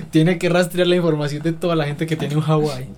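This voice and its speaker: A man co-hosting a casual podcast, chatty and quick to explain things. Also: fairly high pitch, steady tone, a little mellow. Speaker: podcast co-host. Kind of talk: casual chat.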